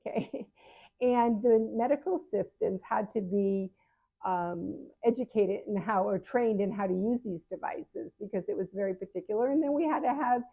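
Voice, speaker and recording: A woman in her seventies, working as a patient advocate, gives frank, casual advice to her viewers on camera, often correcting herself mid-sentence. Her mid-range voice is gravelly and moves at a normal speed. The sound is narrow, like a phone.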